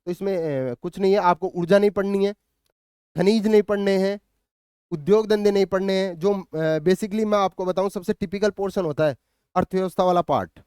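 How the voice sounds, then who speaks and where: A man teaching an exam-prep lecture in a high, clear, resonant voice. He explains the syllabus patiently, pausing on fillers and asking if students follow. The sound is dry and close. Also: darkish tone, dry recording. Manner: explains patiently, often checks in with "ठीक है ना"; thinks aloud with hesitant fillers and restarts.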